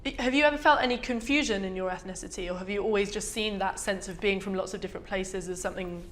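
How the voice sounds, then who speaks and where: A woman with a mid-range voice hosts a relaxed interview. She frames her questions at length, thinking them through as she goes. Her tone stays casual and conversational. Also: medium pitch, quick pace. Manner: thoughtful, long winding questions.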